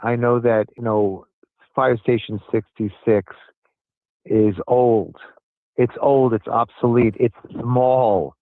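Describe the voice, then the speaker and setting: An older man, a city commissioner, calls in by cell phone to answer interview questions, speaking slowly in a medium-pitched, steady voice. He is earnest and emphatic, repeating his points. The recording is dry, heard over a tinny, dry phone line.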